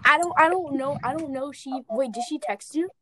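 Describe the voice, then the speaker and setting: Excitable teen girl, very high voice, shrieky reactions. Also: a little fast, a little hiss or hum. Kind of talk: casual gossip chat.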